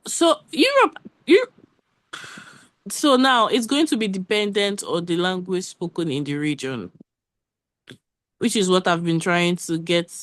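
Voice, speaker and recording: A woman leading a working group meeting over a video call, giving a quick, run-on update full of restarts. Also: on the low side, a bit bright, no echo, clean studio sound.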